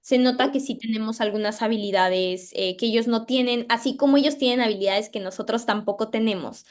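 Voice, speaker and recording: A young Mexican woman with a Mexican accent, a medical resident answering interview questions in a measured, thoughtful way with frequent fillers. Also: on the high side.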